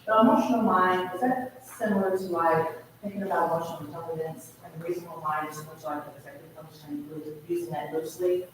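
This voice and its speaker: A man's voice: on the high side, steady tone, fast, few pauses. A man in the audience asking a long, tentative question, thinking aloud as he goes. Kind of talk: question from the floor. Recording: echoey hall from far off, clear background noise.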